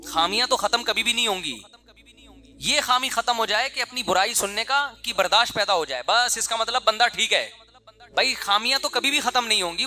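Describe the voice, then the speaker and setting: A middle-aged male preacher talking to his listeners in a loose, conversational way. His voice sits high for a man and rings bright and forceful. He breaks into short acted quotes of ordinary people. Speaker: Islamic preacher. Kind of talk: sermon.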